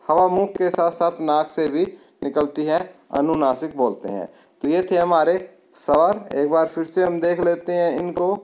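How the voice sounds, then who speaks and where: A man's voice: a little high, darkish tone. A man teaching an exam-prep grammar lesson, drawing out example vowels and checking in with the class. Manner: slow, drawn-out vowel examples, checks in with "clear?".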